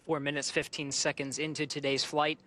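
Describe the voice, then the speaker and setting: A man's voice: fairly high pitch, level tone, fairly quick, fairly bright tone. A man hosting a live rocket launch webcast with technical commentary.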